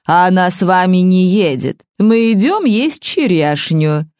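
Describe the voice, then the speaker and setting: A woman voicing a massive, imperious old lady in a storybook, speaking slowly and deliberately with total command. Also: fairly low pitch, animated, a little mellow, no echo, studio quality.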